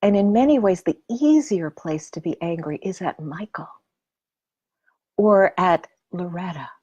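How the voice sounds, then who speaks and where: A woman giving a heartfelt personal talk on emotions, often dropping into soft whispers and then rising to emphatic intensity. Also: on the low side, lively intonation, a little slow, slightly rough, dry recording, muffled recording.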